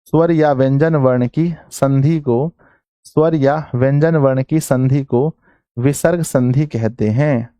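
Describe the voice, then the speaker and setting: A man with a Bihari Hindi accent runs an online exam-prep grammar class, dictating each phrase slowly and repeating it many times. His medium-pitched voice is mellow and dry, close to the mic, and he coaxes the students, calling them "my children."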